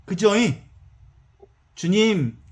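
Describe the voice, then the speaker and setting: Male priest, Jeolla accent, lively folksy sermon, fairly high voice. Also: drawn-out words, highs cut off. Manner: animated, folksy, asks the audience for assent.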